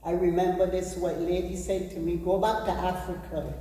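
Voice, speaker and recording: An older woman from Barbados with a Barbadian accent, telling her story to an audience in a blunt, forceful way. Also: on the low side, flat delivery, normal speed, slight background noise. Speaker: audience member sharing a story. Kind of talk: spoken recollection. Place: large echoey church hall. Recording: distant voice in echoey hall.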